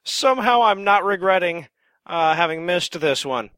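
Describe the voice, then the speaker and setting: A man's voice: high voice, lively intonation, normal speed, pushed and bright, clear, resonant tone, no room sound. A man hosting a comedy podcast, blunt and irreverent, tossing in mocking asides. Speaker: podcast host.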